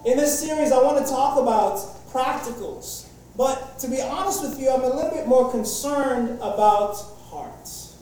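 A man delivers a sermon in a relaxed, conversational style, opening with jokes and tripping over many fillers and restarts. His mellow, very high-pitched voice sounds distant and heavily echoed, as if recorded in a large church hall with slight hiss or hum. He keeps a moderate pace with hardly any pauses.

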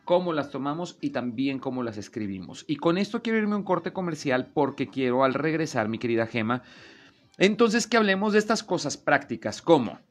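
A man's voice: on the high side, very animated, brisk. A man hosting a talk show. He chats casually and acts out the voices he quotes. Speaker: host.

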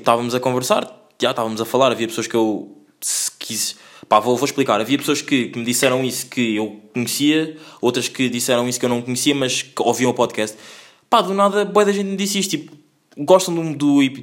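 Fast-talking Portuguese man rambling. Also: medium pitch. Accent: European Portuguese. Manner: rambling, slangy, full of fillers and restarts. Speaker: podcast host. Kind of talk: casual solo podcast monologue.

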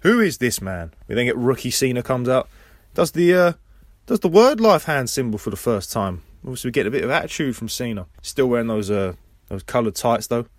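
A man's voice: medium pitch, expressive, fairly quick, dry recording, studio quality. A man hosting a podcast, casually recapping a wrestling episode play by play with rambling personal asides. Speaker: podcast host.

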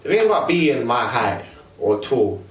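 A young man with a London roadman accent, chatting casually in heavy slang and telling things in an animated way with acted-out asides. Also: medium pitch, measured pace. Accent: London roadman, multicultural London English. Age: young adult. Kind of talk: casual chat. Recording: roomy echo, distant from mic.

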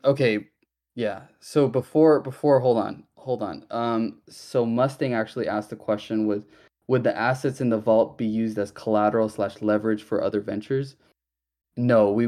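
This man's voice sits on the low side, gravelly and a little mellow. As the project host of a casual audio-room Q&A online, he keeps things chatty and loose, full of fillers and restarts.

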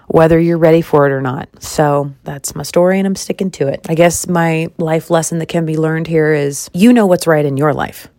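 Candid low-voiced woman in her thirties. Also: dry recording, studio quality. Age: 30s. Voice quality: expressive, dramatic pitch jumps. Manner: candid, sassy asides. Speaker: podcast host. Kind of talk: casual personal monologue.

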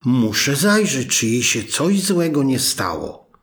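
A man voicing a young hunter in a read fairy tale, speaking slowly and earnestly. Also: medium pitch, sing-song, fairly bright tone, full character voice. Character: young male hunter, brave and concerned.

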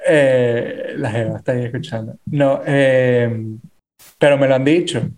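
A man with a Venezuelan Spanish accent, co-hosting a podcast in relaxed, casual chat. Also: medium pitch, unhurried. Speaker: podcast co-host.

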